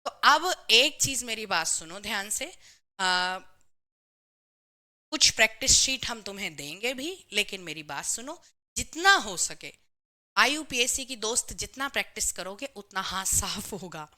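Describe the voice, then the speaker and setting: A woman's voice: mid-range voice, very animated, a little slow, bright, forceful tone. A woman teaching chemistry in a live online class, explaining step by step, reading out students' comments and answering them with a lot of "theek hai". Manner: says "bhai" and "theek hai" to the class often.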